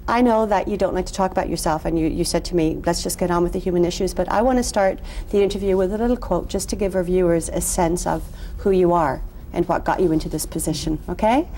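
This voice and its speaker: A woman hosting a TV interview in a restaurant, chatty and quick to laugh. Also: on the low side, dark tone, slight background noise. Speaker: interview host. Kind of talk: TV interview chat.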